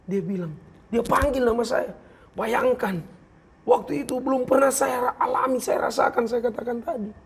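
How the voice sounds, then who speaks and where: A man's voice: very high voice, moderate pace, creaky, a little hiss or hum. A man giving an earnest, emotional personal testimony as an interview guest, acting out the words of others as he tells it. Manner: earnest, emotional, acts out quoted speech.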